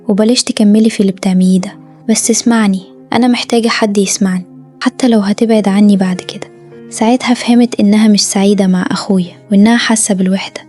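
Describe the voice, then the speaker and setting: A woman's voice: mid-range voice, dark tone. A woman with an Egyptian Arabic accent narrating a scripted first-person confession story, earnest, sometimes dropping to a whisper. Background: faint background music.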